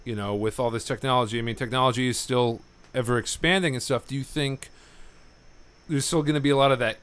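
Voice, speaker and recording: A man's voice: mid-range voice, fairly even intonation, fast talker, fairly bright tone, clean tone. Rambling male podcast host. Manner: rambling, frequent affirmations and fillers. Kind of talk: casual interview chat.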